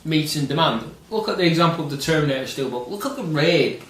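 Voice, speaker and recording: A man's voice: fairly high pitch, animated, fast, a bit bright. Emphatic man, roomy distant sound. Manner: opinionated, emphatic, swears casually. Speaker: co-host. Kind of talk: casual film discussion. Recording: roomy echo, distant mic, faint noise.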